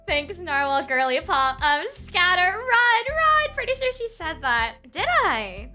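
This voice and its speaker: A young-sounding woman streamer with a high, bright voice chats casually with her viewers and breaks into giggles every few lines. Her pitch swoops up and down with lively expression as she rambles and restarts her thoughts close to the mic, with faint music playing behind her. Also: slow pace. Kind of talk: casual livestream chat with viewers. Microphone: close desk mic.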